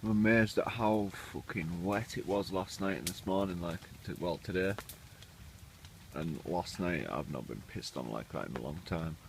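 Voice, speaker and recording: Deep-voiced man vlogging outdoors in rain. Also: normal speed. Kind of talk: casual chat to camera. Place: outdoors in wet woodland. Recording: rain pattering, clear background noise.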